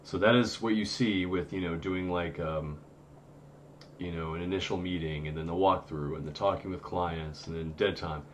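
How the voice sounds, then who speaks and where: Casual streamer, man in his 30s, deep voice, slow and rambling, home-studio mic with faint background noise. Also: steady tone. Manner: rambling, many fillers and restarts. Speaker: host of a paranormal live stream. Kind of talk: casual live-stream chat.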